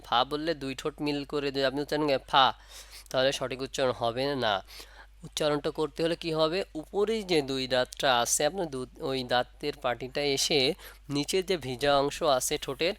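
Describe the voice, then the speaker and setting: A man teaching Quran letter pronunciation, patiently asking questions and answering them himself and slowly drawing out each letter sound. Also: mid-range voice, fairly bright tone, clear, resonant tone, no room sound. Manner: draws out letter sounds in slow demonstration. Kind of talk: step-by-step lesson.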